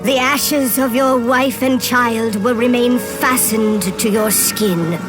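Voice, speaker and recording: An actress playing a solemn, stern oracle in a video game, making ominous pronouncements over music. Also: female voice, fairly high pitch, fairly even intonation, slow pace. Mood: stern doom. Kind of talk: video game cutscene acting. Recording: music behind the voice.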